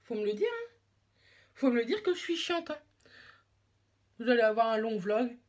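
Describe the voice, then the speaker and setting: A woman's voice: on the high side, very animated, moderate pace. Chatty young French woman vlogger. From France. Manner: rambling, self-mocking, slangy. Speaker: beauty vlogger. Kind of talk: casual chat while doing makeup.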